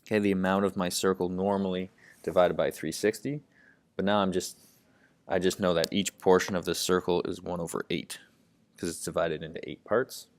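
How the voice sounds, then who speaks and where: A man's voice: sits low, fairly even intonation, moderate pace, dry recording. A man explaining math problems step by step, thinking aloud and saying "okay" at nearly every step. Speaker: math tutor. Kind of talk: lesson narration while writing.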